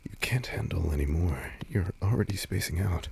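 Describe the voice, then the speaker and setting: In an intimate roleplay audio drama, a man plays a tender, teasing but insecure vampire lover, murmuring breathily and haltingly and often dropping into whispers. His deep voice is darkish with vocal fry, and he sounds concerned and breathless. There is slight background noise.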